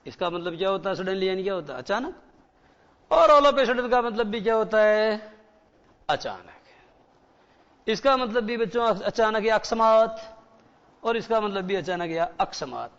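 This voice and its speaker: A man's voice: high voice, animated, measured pace, pauses often, fairly bright tone, big-room sound, lo-fi sound. A male teacher giving a grammar lesson in a mix of Hindi and English, repeating key words and asking the class questions.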